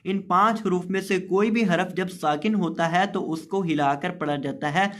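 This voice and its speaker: A man's voice: sits high, normal speed, a bit bright. A man teaching Quran reading step by step, patiently repeating and drawing out each word. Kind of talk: slow step-by-step lesson.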